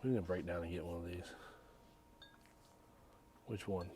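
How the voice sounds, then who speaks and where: Soft-spoken joking man in a liquor store. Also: deep voice, moderate pace, slight background noise. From Tennessee. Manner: joking, dry running price commentary; talks softly, half-whispering in the store. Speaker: bourbon reviewer and channel co-host. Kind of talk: casual walk-through vlog.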